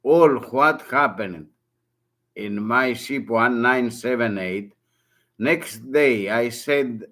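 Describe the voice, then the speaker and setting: This older man from Greece, once a merchant mariner, speaks English as a second language in a broken, hesitant way, frequently saying words twice. He has a Greek accent, a mid-range pitch, and a fairly bright tone as he talks on alone.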